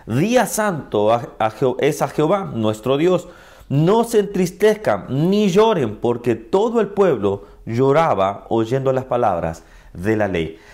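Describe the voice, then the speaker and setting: A man teaching a chapter-by-chapter Bible reading, gentle and unhurried, with slow emphatic stresses. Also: on the high side.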